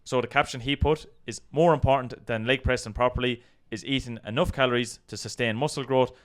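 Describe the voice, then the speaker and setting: A man with an Irish accent talks briskly as co-host of a video channel, chatting casually about an online controversy and hedging often along the way. His pitch is medium with fairly even intonation.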